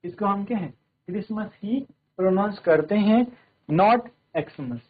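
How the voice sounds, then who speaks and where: A male English teacher, giving a classroom grammar lesson in a steady manner and often checking that everyone follows. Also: high voice, measured pace. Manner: steady, repeats "ठीक है" to check understanding. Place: broadcast studio classroom. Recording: tinny phone-like audio.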